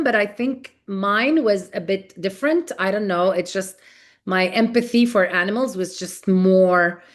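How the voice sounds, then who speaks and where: A woman in her forties, born in Kuwait, telling her life story as a podcast guest in an earnest, reflective way, often pausing and restarting. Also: mid-range voice. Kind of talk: personal storytelling in an interview.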